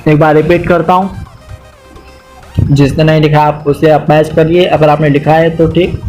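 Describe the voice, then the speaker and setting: A man with an Indian accent teaching beginner English vocabulary, spelling each word out letter by letter and repeating it slowly. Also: a little high, level tone, dark tone, soft background music, rough recording. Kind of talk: slow spelled-out vocabulary lesson.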